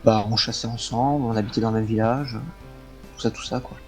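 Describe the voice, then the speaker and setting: A man's voice: mid-range voice, a little fast, soft background music. A man speaking in character in a western roleplay, hesitant and full of fillers while he answers questions. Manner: hesitant, many fillers, flat delivery. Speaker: roleplay player questioned by lawmen.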